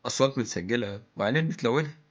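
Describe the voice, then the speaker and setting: An actor playing a melancholy toy in a plaintive, hammy theatrical stage monologue, with an Egyptian accent. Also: male voice, mid-range voice, animated, very fast, close to an everyday voice. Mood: plaintive despair. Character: melancholy male toy lamenting its lifeless painted existence.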